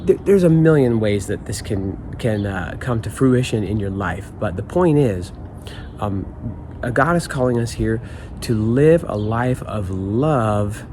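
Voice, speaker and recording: A man's voice: on the low side, expressive, measured pace, a little mellow, slight background noise. A man speaking as an upbeat, informal youth pastor, giving a casual devotional talk.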